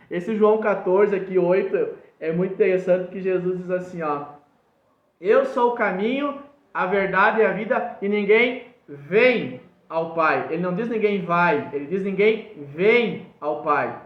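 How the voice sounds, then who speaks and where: A man's voice: high voice, roomy sound, dull audio. A male pastor, preaching emphatically and quoting scripture verse by verse. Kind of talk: sermon.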